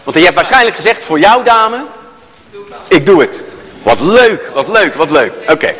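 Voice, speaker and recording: A man with a high, bright voice leads a live workshop and swoops all over his range as he jokes with the crowd. His words ring out with the long reverb of a large hall. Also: moderate pace. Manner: animated, joking storyteller who addresses the audience. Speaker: workshop speaker. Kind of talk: interactive talk to a live audience.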